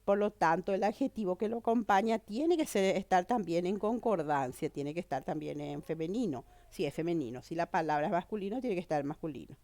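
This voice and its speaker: A woman's voice: on the low side, lively intonation, brisk, hardly any pauses, dark tone, dry recording. Female teacher with a cold, patient explainer, close dry mic. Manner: explanatory, checks understanding with "¿verdad?" and "¿mm?". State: has a cold. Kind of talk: online grammar lesson.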